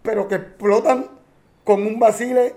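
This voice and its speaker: A man's voice: high-pitched, fairly even intonation, measured pace, mellow. A man, a champeta singer answering interview questions in an earnest, heartfelt way and often correcting himself.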